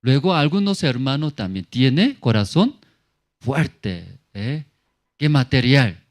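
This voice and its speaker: A man's voice: medium pitch, very animated, slow. A male pastor preaching a sermon in simple, broken phrases, often asking the congregation "right?". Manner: repetitive, questioning the congregation.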